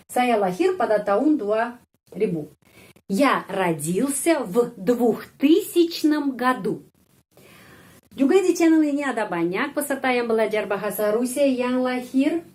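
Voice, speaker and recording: A woman teaching a language lesson in a slow, unhurried voice that sits a little high. She repeats each example word several times with careful, drawn-out pronunciation. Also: a little mellow. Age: adult.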